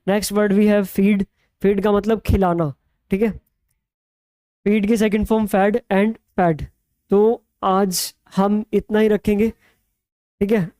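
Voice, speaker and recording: An English teacher with an Indian accent gives a beginners' vocabulary lesson. The teacher explains patiently and repeats each example sentence slowly and clearly. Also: mid-range voice, steady tone, mellow, dry recording.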